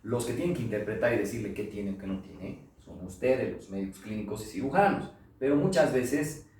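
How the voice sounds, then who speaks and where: A middle-aged man with a Bolivian Spanish accent lectures on pathology, telling a story and playing the people in it. His voice sits low. The sound is very echoey and comes from some distance off the mic. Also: fairly quick. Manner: animated storyteller, acts out quoted voices. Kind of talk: classroom lecture with anecdotes. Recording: roomy echo, voice from far off.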